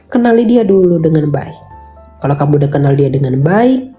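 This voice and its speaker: A woman's voice: sits low, animated, fairly quick, mellow, soft background music. A woman giving casual faith counseling, earnest and coaxing, repeating her points and mixing in English phrases.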